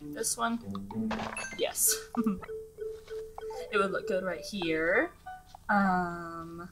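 A young woman hosts a laid-back gaming video, narrating her play in a chatty, giggly way full of fillers, her lowish voice slightly scratchy from the early hour. She speaks extremely slowly in this casual let's-play commentary, with game music playing beneath her.

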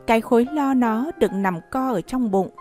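A woman narrating a short story for an audiobook in a calm, measured way. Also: on the high side. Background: faint music.

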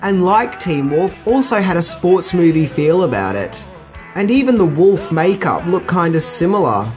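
A man's voice: sits high, very animated, moderate pace, a little mellow, faint music behind. A middle-aged man hosting a scripted film trivia video with casual, slangy asides. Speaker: video host.

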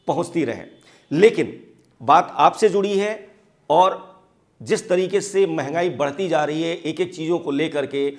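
Earnest male news presenter, higher voice. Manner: earnest explanatory delivery with hand gestures. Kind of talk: studio news commentary. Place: TV studio. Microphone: lapel mic.

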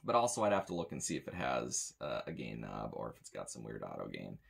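An extremely low, very animated voice with vocal fry and a breathy edge belongs to this fast-talking American sound tech in his thirties. He gives a blunt, grumbling gear review that rambles casually, recorded in a small room with metal shelving.

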